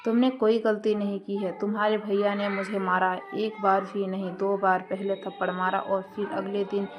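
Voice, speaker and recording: A woman's voice: mid-range voice, level tone, moderate pace, natural voice. A woman voicing a hurt young wife who speaks firmly and angrily to her brother-in-law in a storybook reading. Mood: stern. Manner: stern, firm.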